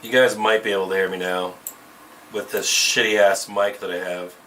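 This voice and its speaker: A man's voice: lowish voice, fairly even intonation, normal speed, a bit bright, distant mic, a little hiss or hum. A man hosting a casual trading livestream through a tinny camera microphone that makes him sound like he is in a tin can. He talks bluntly, swears freely and restarts his sentences. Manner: profane, blunt, restarts often. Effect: tinny tin-can sound from a camera mic.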